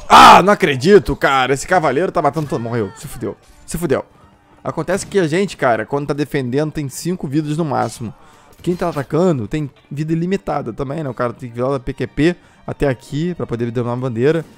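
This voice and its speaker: A young man with a Brazilian accent giving excited gameplay commentary, often breaking into shouts while he chats to his viewers. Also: medium pitch, quick pace. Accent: Brazilian Portuguese. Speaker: gameplay streamer. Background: faint classical music from the game.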